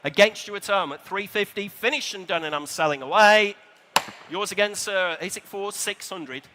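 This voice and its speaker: High-pitched British man calling an auction. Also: noisy background. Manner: brisk auctioneer's chant, repeating figures and urging bidders. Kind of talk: live auction calling with repeated bids. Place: live auction sale room.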